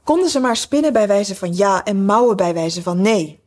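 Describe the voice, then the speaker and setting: Woman voicing a spirited young storybook girl, lifted childlike tone, slightly husky. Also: medium pitch, animated, normal speed, darkish tone, close to an everyday voice. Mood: coaxing. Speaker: storybook character voiced by narrator.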